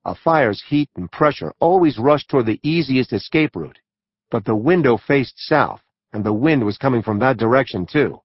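A male narrator reads a true-crime audiobook in a measured, even style, at a mid pitch for a man. The recording is dry and close. Its sound is dull and lo-fi. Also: slightly rough, dry recording.

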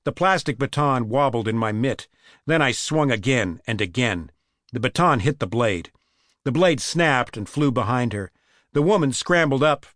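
A man narrating a mystery audiobook in the first person, with vivid, expressive storytelling. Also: medium pitch, normal speed, no room sound, clean studio sound.

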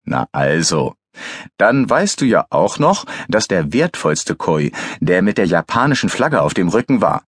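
A man's voice: sits low, big pitch swings, measured pace, husky, no room sound, clean studio sound, heavily acted. A man voicing a teasing, jovial male forensic pathologist who needles his grumpy friend in an audiobook. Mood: mocking glee. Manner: gleeful, needling, mock-exasperated.

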